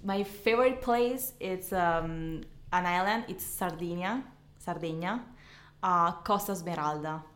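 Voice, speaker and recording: A young woman from Ecuador, a guest YouTuber, chatting in a soft, hesitant way that trails off quietly. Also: fairly low pitch, unhurried. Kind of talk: casual interview chat. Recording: echoey room.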